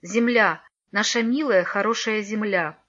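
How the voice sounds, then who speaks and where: A woman voicing a cheerful, curious young girl in a storybook reading, with a lively, eager manner. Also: mid-range voice, measured pace. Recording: dull lo-fi recording.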